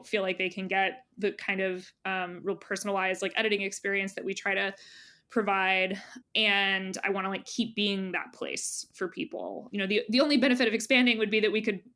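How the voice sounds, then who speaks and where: A woman being interviewed as a magazine editor thinks aloud in a casual, conversational way, using "you know" and "like" a lot. Her voice is medium-pitched with a fairly bright tone.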